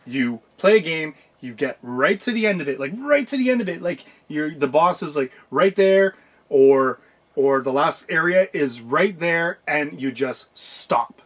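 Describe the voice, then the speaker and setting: Man, podcast co-host, slightly high pitch, loose rambling delivery full of "like" and "um". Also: unhurried. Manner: rambling, animated, many fillers and restarts. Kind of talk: casual chat.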